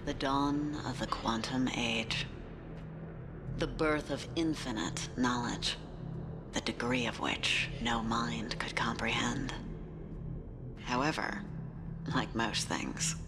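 A woman's voice: a bass voice, slow pace, pauses often, exaggerated voice. An actress giving whispered scripted narration as an ominous woman narrator in a game cutscene. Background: game music.

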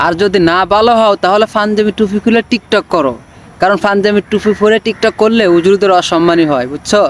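A man's voice: sits high, a little fast, a little hiss or hum. A man with a giving a mocking, scolding commentary on video clips, sarcastic and insulting.

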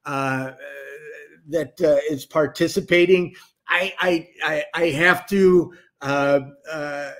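Brief: male live-stream host, high voice, loose rambling delivery with lots of restarts. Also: fairly bright tone. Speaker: livestream host. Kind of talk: casual live-stream talk.

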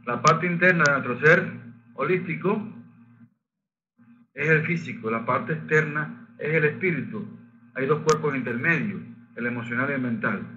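A man teaches a Reiki group in a bright, fairly high voice. He explains techniques and leads slow, sung chanting of Japanese phrases. The recording sounds dull and lo-fi. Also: a little hiss or hum. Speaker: Reiki facilitator. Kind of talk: spiritual workshop teaching.

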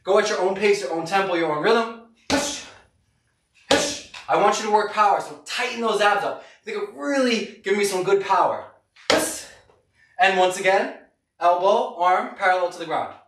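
High-pitched male boxing coach in noisy echoey garage. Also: animated, moderate pace, pauses often, distant mic. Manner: short punchy cues while punching a bag; encouraging. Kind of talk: live workout instruction. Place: garage gym, indoors, camera several metres away.

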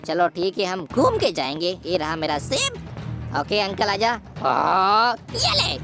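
A woman voicing an excitable, boastful boy cartoon hero while commenting on a game, teasing and shouting at the villain. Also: medium pitch, takes it slowly, over music, exaggerated voice. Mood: excited. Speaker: gameplay commentator. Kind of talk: playful gameplay commentary in character.

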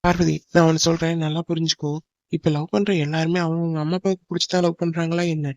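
A man's voice: fairly high pitch, little pitch movement, quick pace, a little mellow, dry recording, natural voice. A man voicing an earnest young man in love, reassuring and tender, on a dull lo-fi dry recording. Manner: pleading, soothing. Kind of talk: cartoon drama voice acting.

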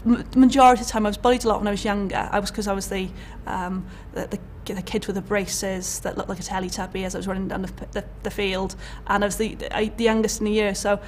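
A young Welsh woman from Wales, a college lecturer, speaks candidly about her career in an interview in an indoor college room. She talks fast with few pauses, medium pitch and little pitch movement, filling her speech with fillers and restarts. There is slight background noise.

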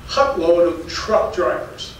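High-voiced and slow with lively intonation, this older man is a geology professor giving a public lecture framed as a storytelling slide talk. He keeps it folksy and anecdotal, chuckling between stories. The darkened hall has an audience, and a distant mic captures very echoey sound with faint noise.

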